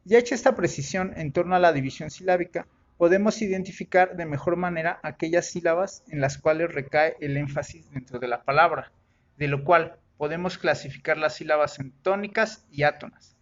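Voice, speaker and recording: A man's voice: fairly high pitch, brisk, dull audio. A man teaching in a methodical, explanatory way, with occasional slips and self-corrections. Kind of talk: recorded lesson explanation.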